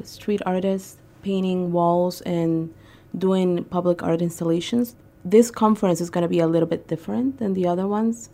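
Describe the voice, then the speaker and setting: Young woman from Peru, radio interview guest, deep gravelly mellow voice, casual with fillers. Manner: conversational, frequent ums and uhs. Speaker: guest, arts organizer.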